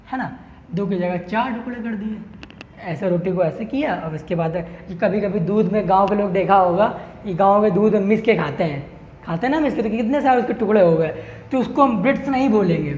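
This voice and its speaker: This male English teacher, teaching online, has a high and somewhat mellow voice. He drills every point by asking the class questions and then supplying the answers. Expect roomy echo, faint hiss, and a dull lo-fi sound.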